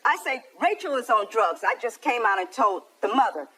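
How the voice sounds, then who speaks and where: An American woman giving animated testimony as a litigant in a TV courtroom, telling her grievance in a plaintive way and acting out the quoted dialogue. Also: on the high side, moderate pace, a little hiss or hum.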